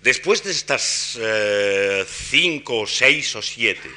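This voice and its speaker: A man giving an academic lecture on grammar and intonation, explaining in a measured way with frequent pauses. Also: mid-range voice, expressive, bright, forceful tone. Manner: demonstrates intonation patterns by voicing example questions.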